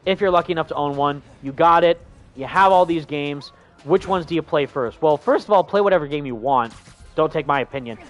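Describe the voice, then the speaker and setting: A young man with a slightly high voice hosts a casual gaming livestream. He rambles enthusiastically and fills his talk with "like" and "uh" while he reads out viewer comments. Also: a little fast, a bit bright, lo-fi sound, soft background music. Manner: rambling, enthusiastic, many fillers. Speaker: livestream host.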